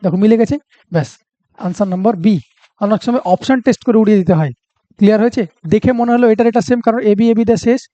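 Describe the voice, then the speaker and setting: Give me a high, mellow-voiced Bengali man teaching an exam-prep reasoning class, thinking aloud step by step. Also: rapid-fire, no room sound, dull audio. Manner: talks through steps aloud, checking with students.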